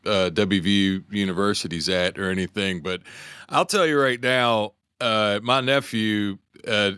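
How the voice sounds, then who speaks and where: A man's voice: on the low side, clean tone, dry recording, clean studio sound. A man in his forties from West Virginia, co-hosting a podcast and telling stories in a loose, rambling way. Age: 40s. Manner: animated rambling storyteller. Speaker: podcast co-host, delivery driver. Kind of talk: casual chat.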